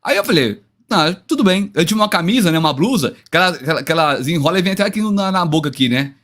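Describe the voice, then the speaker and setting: A man's voice: fairly high pitch, lively intonation, fast talker, a bit bright. A man with a Brazilian Portuguese accent, a guest pastor telling a personal story with hesitant restarts.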